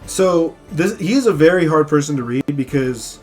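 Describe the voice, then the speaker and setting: A man's voice: a little high, animated, moderate pace, darkish tone. A man running a tabletop game as game master, narrating casually. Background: faint music.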